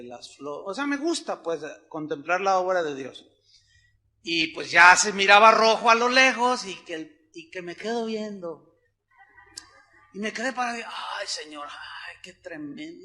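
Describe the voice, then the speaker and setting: A middle-aged man with a Mexican accent preaching a sermon, telling a personal story and acting out the quotes, moving between loud outbursts and hushed asides. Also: high voice. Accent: Mexican Spanish. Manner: animated, acts out quotes, swings from loud to hushed. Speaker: pastor.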